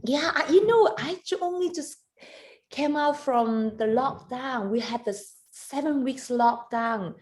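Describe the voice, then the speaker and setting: Speaking halting English in a high-pitched voice, a photographer and competition judge from Hong Kong in her thirties is interviewed casually over video call. She comes across as animated, frequently laughing.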